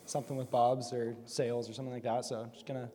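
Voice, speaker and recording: A man's voice: medium pitch, flat delivery, quick pace, dark tone. A young man, a graduating student, talking in a laid-back way about his plans, with many fillers. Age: young adult. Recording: long hall reverb with faint noise.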